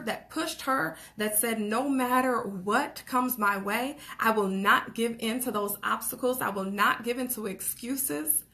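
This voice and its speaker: A young woman giving an urgent motivational talk about a book, pressing listeners to act, with quick laughs and frequent "okay?" and "like". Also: a little high, sharp tone. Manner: urgent, preachy, exhorting with repeated calls to action; laughs between phrases, says "okay?" and "like" often. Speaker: motivational vlogger.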